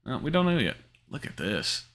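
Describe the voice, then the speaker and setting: Chatting loosely over a screen share, a middle-aged man who runs a crypto gaming channel keeps saying um and restarting his sentences. His voice sits mid-range with huge pitch swings, a fairly bright tone and a moderate pace.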